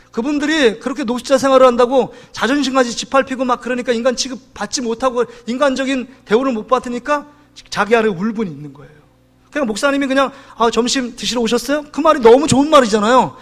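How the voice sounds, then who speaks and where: A middle-aged male pastor preaching a sermon, telling stories in an animated way and acting out the people he quotes. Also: extremely high pitch. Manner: animated storytelling, acts out quoted voices.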